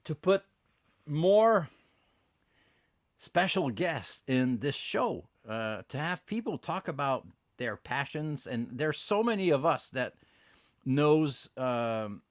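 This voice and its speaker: Podcast host, male, Quebec French accent, native French speaker. Unhurried, hesitant delivery with wide swings in pitch, dry close sound. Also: dry recording. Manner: animated, hesitant, switches between English and French. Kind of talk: casual bilingual podcast chat.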